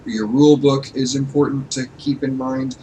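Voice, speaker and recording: Hosting a casual let's play at home alongside his wife, a man explains the game in a chatty way full of fillers. He speaks at medium pitch and moderate pace, warm and fairly even, heard faintly noisy from a distant mic.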